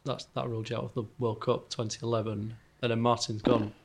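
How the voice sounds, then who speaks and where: Man, interviewer, gravelly voice, flat delivery, leading questions. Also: medium pitch, fast talker.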